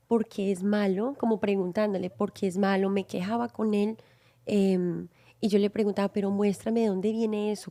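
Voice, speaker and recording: A woman's voice: medium pitch, dark tone. A woman guest giving a personal testimony, speaking earnestly and reflectively. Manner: earnest, reflective, recounts a dream.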